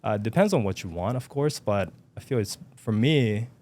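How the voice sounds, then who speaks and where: Low-voiced young man, hesitant speech. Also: lively intonation, normal speed, dark tone. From Japan. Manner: hesitant, many fillers and restarts. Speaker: podcast guest. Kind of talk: casual interview chat.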